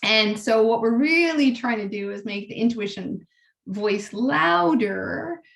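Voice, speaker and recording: A woman's voice: fairly high pitch, expressive, takes it slowly, vocal fry, a bit bright. A woman guest speaking earnestly in a casual interview, often repeating words as she restarts her thoughts. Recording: roomy echo.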